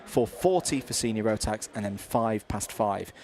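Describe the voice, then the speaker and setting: A man's voice: lowish voice, expressive, normal speed, a little mellow. A man with a British accent doing live karting commentary, chatty, with many fillers and restarts.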